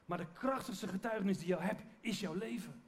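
A man's voice: high voice, a little fast. A man preaching a sermon to his church in an earnest, conversational way, often restarting his sentences. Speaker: pastor.

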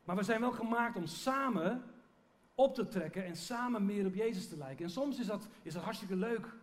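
A man's voice: high voice, expressive, normal speed. A man preaching a sermon to his church in an earnest, conversational way, often restarting his sentences. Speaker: pastor.

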